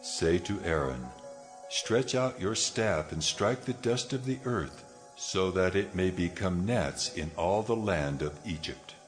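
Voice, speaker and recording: A very low male voice as a commanding God of ancient scripture. He declaims solemnly and with authority in an audio Bible drama, with music playing underneath. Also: lively intonation, takes it slowly.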